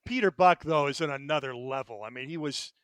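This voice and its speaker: A man's voice: medium pitch, a little fast, a bit bright, clean tone, no echo, clean studio sound. A man co-hosting a music podcast, talking casually and eagerly about bands and records. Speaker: podcast co-host.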